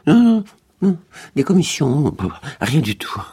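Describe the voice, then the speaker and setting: A man's voice: on the high side, sing-song, slow, dark tone, husky, pitched above the performer's own voice, heavily acted. A man doing a stammering flustered son. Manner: stammering, hesitant.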